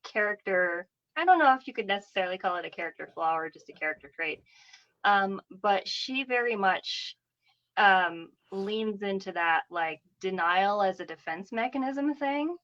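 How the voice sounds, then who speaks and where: A woman's voice: medium pitch, animated, normal speed, fairly bright tone, muffled recording. A woman author chatting casually about her writing, rambling with lots of fillers. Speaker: author guest. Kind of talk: casual chat.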